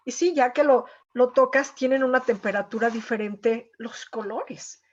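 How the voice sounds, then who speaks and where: This is a painter from Mexico, a woman guest on an interview, telling a heartfelt story conversationally and often dropping in "o sea" and "eh." She speaks at a moderate pace in a fairly high, slightly mellow voice, captured on a muffled recording.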